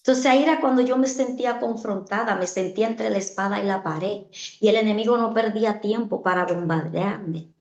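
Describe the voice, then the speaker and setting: A woman's voice: medium pitch, a little fast. A woman giving an earnest personal testimony in an interview, often repeating her phrases for emphasis. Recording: echoey, dull-sounding room.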